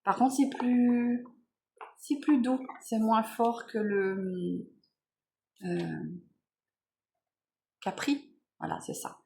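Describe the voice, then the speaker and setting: A woman vlogger chatting casually while unboxing beauty products, relaxed, with many fillers and self-corrections. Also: fairly high pitch, very slow, gravelly, long pauses, a little hiss or hum.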